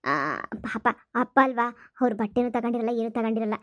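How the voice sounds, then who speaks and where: A woman voicing a kind-hearted young woman who talks in a hushed, scolding, urgent way in a cartoon comedy. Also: on the high side, lively intonation, normal speed, dry recording, natural voice. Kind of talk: cartoon voice acting.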